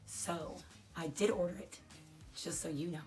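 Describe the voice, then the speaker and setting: Opening products for her vlog, a woman rambles chattily to camera and pokes fun at herself. Her voice is crackly and dry yet a little mellow, fairly low with fairly even intonation and a measured pace, over soft background music.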